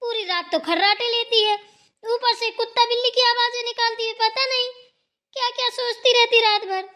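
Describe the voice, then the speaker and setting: Young cartoon bahu voiced by a woman, shrill and whiny, very high. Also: fairly even intonation, moderate pace, sharp tone. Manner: complaining, whiny. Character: whiny young sister-in-law, quarrelsome.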